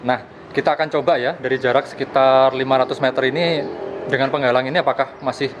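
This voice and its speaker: Speaking fast in a medium-pitched, fairly even tone, this young vlogger reviews gadgets while walking around open plazas, a park and the street. He's casual, explains a field test and keeps repeating himself. The sound is lo-fi, recorded by a camera at arm's length amid noisy street and park background.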